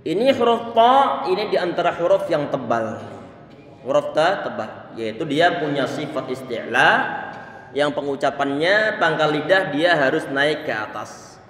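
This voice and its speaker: High-voiced man teaching recitation in an echoey hall. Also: expressive, fairly bright tone. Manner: patient, drills sounds slowly and checks understanding. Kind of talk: tajwid pronunciation lesson. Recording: echoey room with long reverb.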